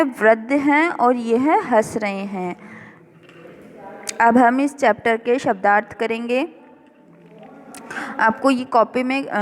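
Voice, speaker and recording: A woman teacher goes through a revision lesson at an unhurried pace, spelling words out piece by piece. Her voice sits a little high and carries a long reverb from the room around her. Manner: slow, careful word-by-word explanation. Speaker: school teacher. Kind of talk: recorded classroom revision lesson.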